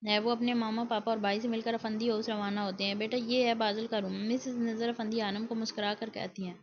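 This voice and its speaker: A woman reads a romance novel aloud in a steady narrator's voice. She pitches a little high and keeps her pitch flat. Faint hiss sits under a dull, lo-fi recording. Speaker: audiobook narrator.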